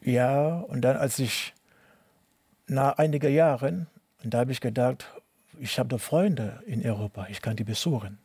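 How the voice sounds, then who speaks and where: A middle-aged man from Cameroon telling his life story in an interview, speaking halting, non-native German with many restarts and repeated words. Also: medium pitch, darkish tone, breathy edge, no room sound. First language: not German. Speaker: interviewee, tennis coach. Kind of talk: personal testimony interview.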